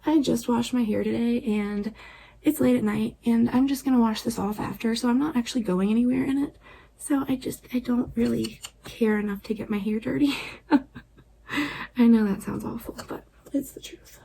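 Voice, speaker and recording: Woman, makeup vlogger, relaxed chatty tone, near-whispered asides, gravelly, mellow low tone. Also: normal speed, slight background noise, poor audio. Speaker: beauty vlogger. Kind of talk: casual makeup tutorial chat. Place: at home at night.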